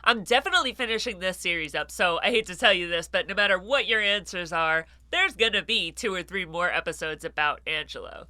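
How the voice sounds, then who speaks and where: A woman's voice: mid-range voice, pushed and bright, no echo. A woman hosting a true-crime show in a casual, chatty way, with a congested, nasal voice from a stuffed nose.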